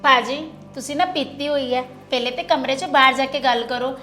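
A woman playing a patient sister-in-law in a family drama, calming and firm. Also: high-pitched, brisk. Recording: echoey room, faint music.

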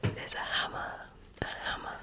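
Soft-spoken personal attention comes from a woman acting as a medical examiner in an ASMR roleplay. She whispers breathily, in a patient, gentle and deliberate manner.

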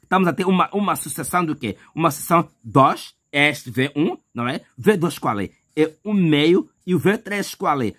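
A man with a fairly high voice explains a math exam step by step. He is chatty and informal, repeats himself and thinks aloud with fillers. He keeps calling the listener his brother. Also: animated, moderate pace, a bit bright. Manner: chatty, addresses viewer as "meu irmão". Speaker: math teacher. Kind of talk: math lesson walkthrough.

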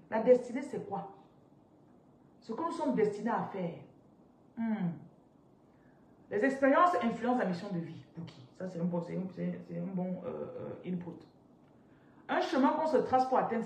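Woman in her thirties, live-stream coach, lively and interactive, roomy echo, set back from the phone mic. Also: mid-range voice. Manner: animated, interactive, reads out viewer comments. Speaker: spiritual business coach. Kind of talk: live stream teaching with viewer questions. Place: indoors, seated on a large ornate chair. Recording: roomy echo, somewhat distant from mic, faint noise.

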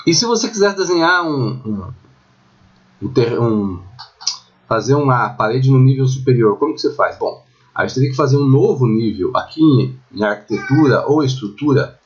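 A man with a Brazilian accent teaching architecture software in a screen-recorded tutorial. He talks in a chatty way and keeps checking in with the viewer. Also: medium pitch, animated, moderate pace, highs cut off. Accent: Brazilian Portuguese.

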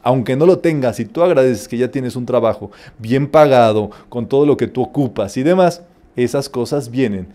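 A man's voice: medium pitch, moderate pace. A man giving a spiritual teaching talk, telling stories and rising emphatically on each numbered step. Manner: lively storytelling, rising emphatically on numbered steps. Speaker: metaphysics teacher.

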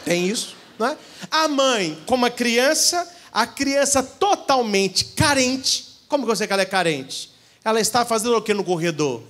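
Lively high-voiced Brazilian priest. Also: male voice, normal speed. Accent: Brazilian Portuguese. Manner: animated storytelling, acting out what people said. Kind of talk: humorous talk at a couples' retreat. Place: church event hall.

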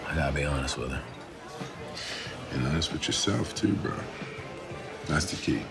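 An actor playing a relaxed married man sharing advice with a friend in a film. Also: very deep voice, moderate pace, vocal fry, over loud music, heavily acted. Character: laid-back married man giving advice. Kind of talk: film drama acting.

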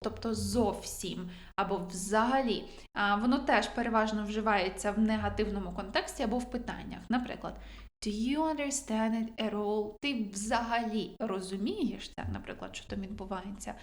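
A young adult woman, a native Ukrainian speaker, teaching English vocabulary in a chatty, self-deprecating way and reading her English examples slowly. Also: mid-range voice, soft background music. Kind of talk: vocabulary lesson.

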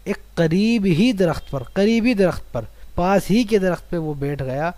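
A man's voice: sits high, expressive, dark tone, no room sound. Indian Urdu-speaking man teaching Arabic. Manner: reads an Arabic line, then explains it word by word in Urdu. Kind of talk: recorded online lesson, reading and translating.

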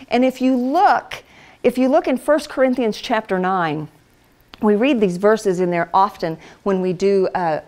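A woman's voice: sits high, darkish tone. A middle-aged woman giving a conversational church teaching to other wives, chatty and down-to-earth, slipping into everyday voices. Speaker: speaker at a women's Bible study.

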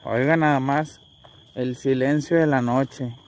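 A man's voice: medium pitch, steady tone, unhurried. A Mexican man speaking casually as he hosts a night exploration vlog outdoors. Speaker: vlog host. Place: outdoors at night in the countryside and a cemetery. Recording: noisy outdoor night recording with insects. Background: crickets and night ambience.

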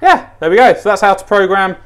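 High-pitched and animated, this man talks at a quick pace. He presents a gadget how-to indoors at a tiled kitchen counter, in a casual, unscripted hands-on style full of repetition and thinking out loud.

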